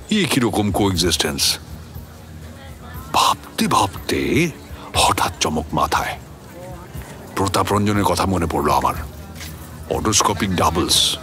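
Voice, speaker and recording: With a West Bengal Bengali accent and a lowish, exaggerated voice, a man plays the puzzled, suspicious narrator of a radio story about a baffling encounter. His dramatized first-person telling is conversational, expressive, and full of self-questioning.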